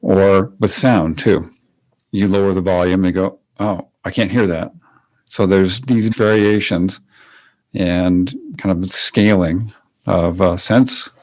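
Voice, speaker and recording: A man co-hosting a podcast as a Feldenkrais teacher, explaining ideas in a relaxed way with fillers. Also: sits low, slow, no echo, poor audio. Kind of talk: casual conversation.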